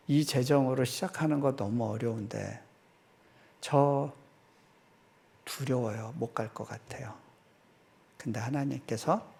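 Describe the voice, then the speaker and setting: Man, middle-aged, missionary preacher, gravelly, animated storytelling sermon, church. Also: medium pitch. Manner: animated storytelling, acting out his own prayers, with laughs. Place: church sanctuary.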